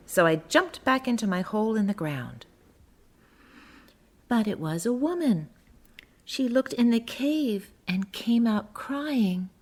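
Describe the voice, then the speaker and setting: Speaking in a mid-range voice, a woman plays a friendly, inquisitive little garden mole who tells a children's storybook story in first person, using expressive, sing-song storytelling.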